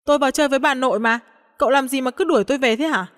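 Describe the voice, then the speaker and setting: A woman voicing a pushy, cheerful young man, talking quickly and insistently. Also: high-pitched, in a large hall, voice pushed up, close to an everyday voice. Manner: insistent, quick teasing talk.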